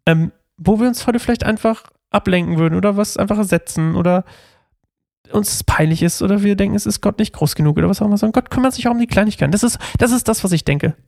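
A young man with a somewhat high, gravelly voice hosts a laid-back Bible study podcast. He talks in a chatty, self-mocking way, rambling through fillers and asides. The sound is dry and close, as if recorded in a small room. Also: quick pace, a little mellow, no room sound. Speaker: podcast host reading and explaining the Bible.

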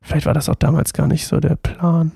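A man's voice: on the high side, flat delivery, brisk, creaky, mellow, slightly rough, no echo, studio quality. A man reading scripture aloud and then musing about it casually, with many hesitations. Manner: chatty, hesitant with fillers when commenting. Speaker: bible reader and commentator. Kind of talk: bible reading with casual commentary.

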